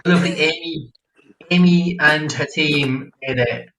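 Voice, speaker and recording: A man's voice: on the high side, a little slow, bright, forceful tone, slight background noise. A man hosting a casual livestream chat as a drag queen, giggly and chatty, reading out viewer comments. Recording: echoey room.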